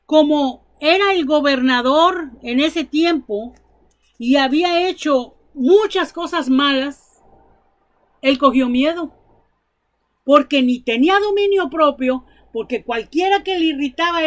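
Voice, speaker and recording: A woman's voice: high voice, unhurried. A woman preacher delivering a sermon, telling Bible stories and her own testimony in an earnest, emphatic way.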